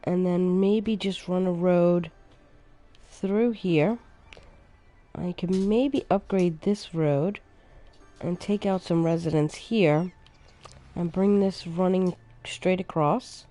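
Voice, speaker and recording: A woman's voice: on the low side, faint music behind. A woman streaming a city-building game, casually thinking aloud as she plays and sounding a little sleepy. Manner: relaxed, thinking aloud, unhurried. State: sleepy, yawning. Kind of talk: casual gameplay commentary.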